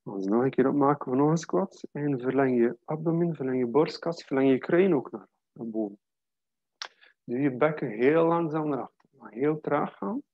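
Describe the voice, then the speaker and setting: A man guiding a yoga class, calmly cueing breath and posture in a steady way. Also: medium pitch, moderate pace, dry recording, dull audio. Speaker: yoga teacher. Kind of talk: guided yoga class instruction.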